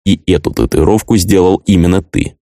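A man voicing a cold, merciless young male avenger in an audiobook, speaking in a flat, icy, detached way. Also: low-pitched, brisk, dry recording, clean studio sound, close to an everyday voice.

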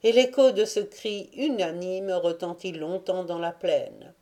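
A woman narrating a classic novel as an audiobook reader, in a measured, deliberate reading. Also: on the low side, steady tone, mellow.

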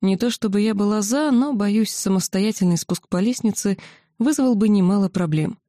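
A woman narrating a fantasy novel in the first person, with a steady, expressive reading. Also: medium pitch, normal speed, no room sound, studio quality. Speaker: audiobook narrator.

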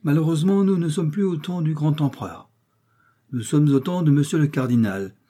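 A man's voice: fairly high pitch, moderate pace, mellow, voice pushed up, lightly acted. A man reading the lines of a proud, courtly noble musketeer in a formal, gracious way.

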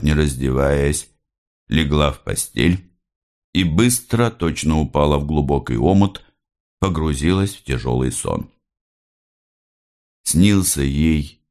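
A man narrating a novel aloud in a measured, unhurried reading. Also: very deep voice, a little mellow. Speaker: audiobook reader. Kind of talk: scripted literary narration.

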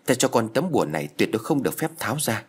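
Stern elderly exorcist, scolding and commanding, read by a male narrator, husky. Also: mid-range voice, big pitch swings, rapid-fire. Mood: grave.

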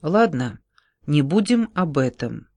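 A man's voice: fairly high pitch, big pitch swings, slow pace, darkish tone, dry recording, full character voice. Man voicing a tearful pleading young woman. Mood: quiet. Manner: pleading, raised voice.

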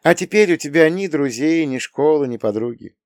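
A guilt-ridden young woman lieutenant weeps as she talks, her voice pitched high and pleading, put on by a man reading an audiobook. It swoops around a lot and sounds dry and close, with no room around it. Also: lively intonation, normal speed, darkish tone, dry recording. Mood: guilty. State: crying. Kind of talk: audiobook character voice.

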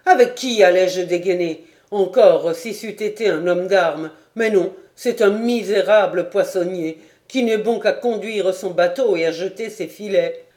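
A woman voicing an insolent, boastful male sergeant who taunts and mocks loudly. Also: mid-range voice, expressive, moderate pace, close to an everyday voice. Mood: mocking. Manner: loud, scornful and taunting.

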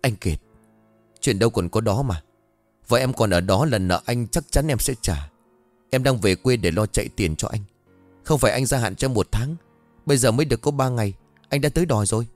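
A man's voice: mid-range voice, lively intonation, fairly quick, long pauses, no echo, soft background music, close to an everyday voice. A man voicing a frightened young man in debt who begs fearfully. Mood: pleading. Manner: fearful, begging.

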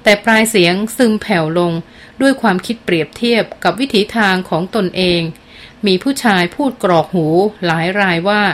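A woman narrating a novel as an audiobook, in a steady storytelling voice. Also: lowish voice, moderate pace. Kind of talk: novel reading.

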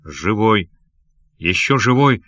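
A man's voice: fairly low pitch, expressive, slow pace, pushed and bright, no room sound, clean studio sound, heavily acted. A man voicing a wounded loyal pirate. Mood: overjoyed. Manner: emotional, broken-voiced. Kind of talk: audiobook reading.

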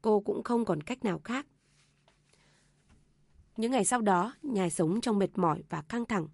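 A woman's voice: medium pitch, animated, unhurried, creaky, slightly rough, no echo. Woman narrating an emotional story, dry close sound.

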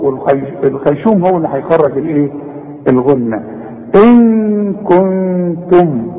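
A man with an Egyptian accent giving an informal recitation lesson, quizzing the listener and drawing out example words slowly. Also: fairly high pitch, dark tone, big-room sound, rough recording. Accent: Egyptian Arabic. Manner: coaching the listener with questions and slow drawn-out recited examples. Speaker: Quran recitation teacher.

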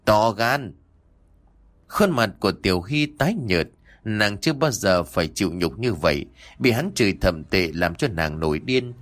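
A man narrating a martial-arts novel audiobook in an expressive, dramatic storytelling way. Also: sits low, normal speed.

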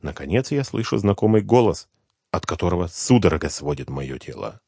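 A male narrator with a lowish voice and a lively, expressive pitch, reading a first-person thriller. His delivery is tense and brooding. The recording is dry and close, like a studio booth. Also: brisk, creaky, slightly rough, dry recording. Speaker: audiobook reader.

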